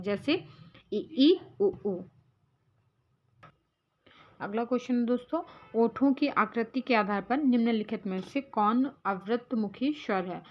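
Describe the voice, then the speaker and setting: A woman's voice: fairly high pitch, muffled recording. A woman teaching as an exam prep tutor, going through quiz answers step by step and calling her viewers friends.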